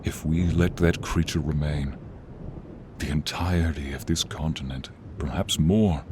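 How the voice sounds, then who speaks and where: Speaking as a brave and earnest male dragon who serves as a friendly, loyal companion, a man delivers a fantasy ASMR monologue straight to the listener. The deep voice sounds grave and uneasy, telling the story in a deliberate, solemn, grandiose way. A storm of rain and rolling thunder is clearly audible behind him.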